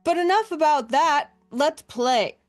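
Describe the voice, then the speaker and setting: A woman's voice: high voice, lively intonation, a little slow, a little mellow, faint music behind. A woman hosting a live tabletop game show, welcoming viewers in an upbeat, chatty way. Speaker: show host.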